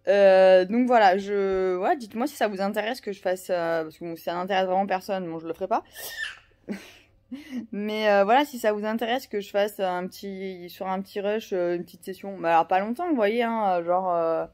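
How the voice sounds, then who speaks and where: A woman in her thirties talks casually to her viewers in a vlog. She rambles, loops back on herself and fills pauses with hesitations, her voice sitting at a medium pitch. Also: a little mellow. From France. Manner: rambling, many fillers and restarts. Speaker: vlogger.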